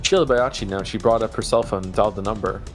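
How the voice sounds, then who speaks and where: Male streamer, lowish voice, dramatic game narration with casual asides, music behind. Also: quick pace. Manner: expressive storytelling with stumbles over words. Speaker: streamer reading game text aloud.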